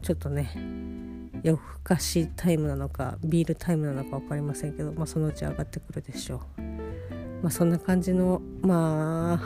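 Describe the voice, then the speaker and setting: A woman with a fairly low voice talks through a casual personal diary while lying down. She sounds sleepy and rambles along without hurry. Plucked guitar music plays clearly behind her. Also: steady tone, fairly quick. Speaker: host of a personal audio diary. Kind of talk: casual monologue diary chat.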